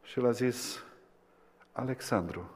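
A man preaching a sermon, swinging between impassioned climaxes and hushed, quiet lines. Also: mid-range voice. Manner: impassioned, rising to fervent climaxes then dropping to hushed tones. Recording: long hall reverb.

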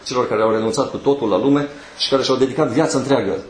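A man preaching a sermon, moving slowly through numbered points with pauses between phrases. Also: mid-range voice, reverberant, low-quality recording.

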